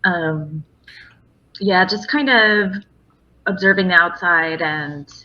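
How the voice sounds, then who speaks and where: A woman's voice: lowish voice, slow pace. A woman playing in a tabletop game, stating her actions plainly. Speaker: player. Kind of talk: casual game chat. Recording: dull lo-fi mic.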